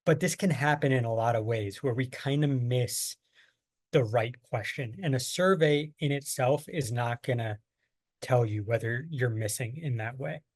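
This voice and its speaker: With a medium-pitched voice at normal speed and no echo, this American workshop presenter delivers an online training lecture on survey design. He explains patiently and relies on plain everyday examples.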